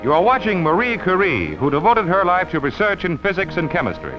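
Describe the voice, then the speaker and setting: A man's voice in old newsreel style, pitched high and swooping lively through each line, with an emphatic announcer delivery. The dull, lo-fi archival sound sits under a loud music score. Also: a little fast. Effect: old newsreel narration. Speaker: newsreel narrator. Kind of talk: 1940s newsreel narration.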